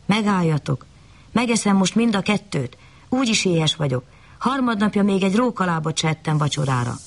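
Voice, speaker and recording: A woman's voice: mid-range voice, lively intonation. A woman voicing a hungry, boastful wolf in a bedtime story. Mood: blustering.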